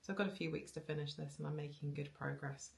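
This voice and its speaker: A knitting vlogger from Wales, in her thirties, chats casually to a tripod camera facing her in her bookshelf-lined living room. Her low voice carries vocal fry, a level tone and a quick pace as she rambles with ums and restarts, breaking into small laughs.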